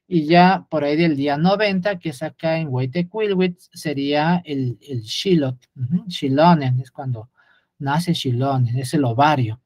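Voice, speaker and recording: A man's voice: a little high, measured pace, a little mellow, no room sound, clean studio sound. A man gives an unscripted lecture, often hesitating with fillers and restarts while pointing things out on a chart.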